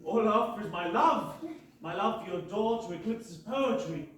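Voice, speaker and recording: A hammy, high-pitched lovestruck young suitor. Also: male voice, expressive, normal speed, fairly bright tone, a little hiss or hum. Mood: pompous, lofty. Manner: hammy stage-actor delivery, declamatory. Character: melodramatic young would-be actor, pompous lovestruck suitor. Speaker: stage actor in a comedy play. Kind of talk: theatrical stage comedy acting. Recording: echoey theatre, distant microphone.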